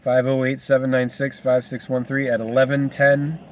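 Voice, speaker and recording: A man's voice: mid-range voice, little pitch movement, moderate pace, slight background noise. A man casually reading a book aloud, rambling into asides and stumbling over hard names. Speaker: reader.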